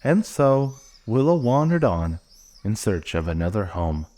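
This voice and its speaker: A man gently reading a children's storybook aloud in an expressive way. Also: lowish voice, unhurried. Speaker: narrator.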